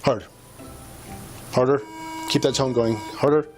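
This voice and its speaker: A man's voice: medium pitch, slow pace. A middle-aged male police officer coaching someone through a breath test with short, repeated commands. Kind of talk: bodycam field recording. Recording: bodycam audio under loud music.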